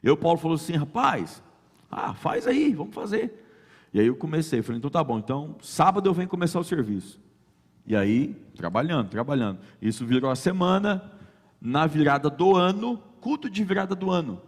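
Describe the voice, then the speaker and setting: A man's voice: a little high, quick pace. A man telling a personal faith testimony as a guest, acting out the dialogue in his story. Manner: lively storyteller who acts out quoted dialogue. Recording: long reverb.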